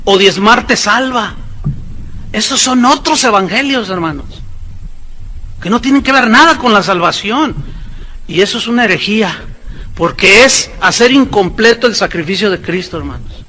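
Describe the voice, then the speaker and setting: A man preaching a sermon as a pastor, with sarcastic asides and quick mimicking voices. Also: sits high, expressive, sharp tone, slight background noise, rough recording.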